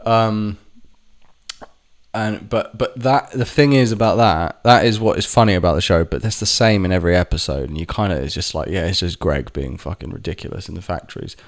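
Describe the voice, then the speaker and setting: A man with a deep, low voice tells a personal story in a loose, rambling way. He swears freely and keeps stopping to correct himself mid-sentence. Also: fairly quick. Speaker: vlogger. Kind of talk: casual storytelling monologue.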